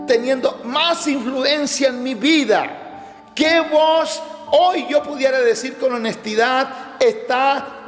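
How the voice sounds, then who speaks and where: A man's voice: sits high, vocal fry, long reverb tail. A man preaching a sermon as pastor, emphatic, with many rhetorical questions.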